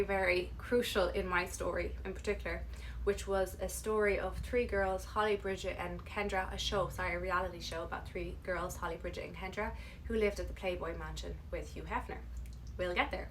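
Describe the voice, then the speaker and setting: A woman's voice: mid-range voice, fairly bright tone, slight background noise, low-quality recording. A woman with a west of Ireland accent, chatting casually and digressively to camera as a vlogger. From Ireland, Galway on the west coast. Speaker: YouTube vlogger. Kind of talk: casual personal storytelling to camera.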